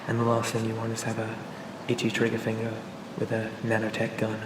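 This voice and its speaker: A man plays a charming, pleasant AI personal assistant for a police officer in an ASMR roleplay, sounding calm, gentle, hesitant and reassuring in a conversational way. His pitch stays narrow and even, his pace is brisk, and his voice is close to an everyday one. The audio is distant and echoey, with clear ambient noise behind him.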